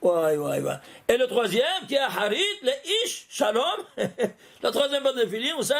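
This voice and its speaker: A man gives an animated Torah lesson in a high, gravelly voice whose pitch swings widely. He keeps asking his listeners questions and working through numbers with them. A faint background noise sits under the recording. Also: moderate pace. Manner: lively, questioning, talks straight to listeners, laughs often. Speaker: rabbi teaching Torah.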